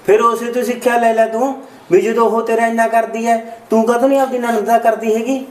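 A man's voice: very high-pitched, little pitch movement, fast, rough recording. An actor playing a protective brother who takes his sister's side against his wife. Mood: reproachful. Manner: insistent, reproachful. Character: protective brother, firm and indignant. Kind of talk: amateur short-film acting.

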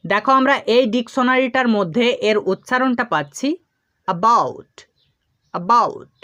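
A woman teaching English reading sounds to children, patiently repeating each example sound slowly. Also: a little high, expressive, a bit bright. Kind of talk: instructional explanation to children.

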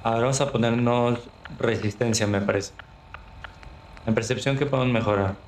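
A man giving casual, unhurried gameplay commentary on a livestream, thinking aloud as he plays. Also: mid-range voice, steady tone. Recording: roomy echo with clear background noise.

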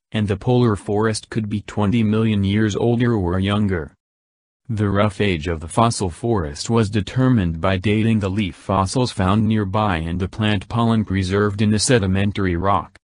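A man's voice: on the low side, darkish tone, no room sound, clean studio sound. A man reading a scripted science news report formally, in the manner of a nature documentary narration. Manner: reads formally from a written article.

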